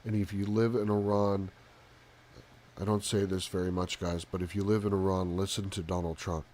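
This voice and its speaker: A soft-spoken man hosting a live stream with casual commentary, halting often with pauses and ums. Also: deep voice, flat delivery. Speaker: live talk show host.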